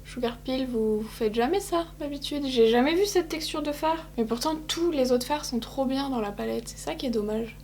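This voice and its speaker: A woman's voice: fairly high pitch, darkish tone, slight background noise. A young woman talking viewers through her eye makeup in a casual, chatty way, poking fun at herself. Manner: chatty, self-mocking, addresses viewers directly. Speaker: beauty vlogger. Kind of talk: casual makeup tutorial talk.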